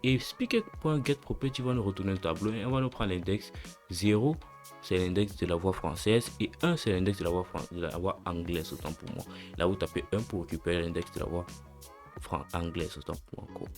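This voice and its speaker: Low-voiced young man explaining code. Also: a little fast, faint music behind. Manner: relaxed and slangy, talks through steps aloud and corrects himself. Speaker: coding tutorial host. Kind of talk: casual screen-recorded coding tutorial.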